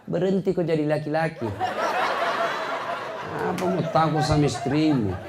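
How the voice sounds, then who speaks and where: A middle-aged man preaching a humorous sermon, firing rhetorical questions at the congregation and building to shouted climaxes. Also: on the high side, moderate pace, over a noisy crowd, heavy background noise. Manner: jokey, addresses the audience directly with rhetorical questions. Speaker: Islamic preacher.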